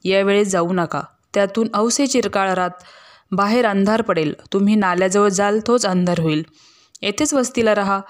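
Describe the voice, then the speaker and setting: An anxious old village neighbor in a storybook, earnest and insistent as she warns, read aloud by a woman. Her voice keeps a plain middle pitch. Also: normal speed, natural voice. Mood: warning.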